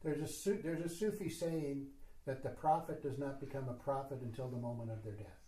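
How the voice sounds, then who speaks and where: A man's voice: mid-range voice, a little fast, dark tone. A man leading a spiritual retreat session, talking informally and rambling with many fillers and self-deprecating asides. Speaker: retreat teacher. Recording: roomy echo.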